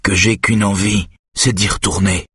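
A man reading aloud, voicing a shaken, guilt-ridden male patient who talks haltingly. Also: fairly low pitch, steady tone, a bit bright, breathy edge, no room sound, clean studio sound. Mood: anguished.

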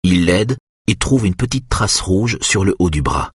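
A man reading a suspense novel aloud in measured, even narration. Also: low voice, husky, no room sound, clean studio sound. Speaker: audiobook narrator. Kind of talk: scripted narration.

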